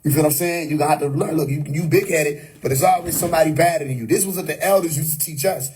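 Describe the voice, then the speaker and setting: A livestream host delivers an unscripted, preachy monologue in a slightly high, fast, somewhat mellow voice, captured by a phone or webcam with a bit of hiss or hum. He's emphatic and repetitive, often saying "you know what I mean."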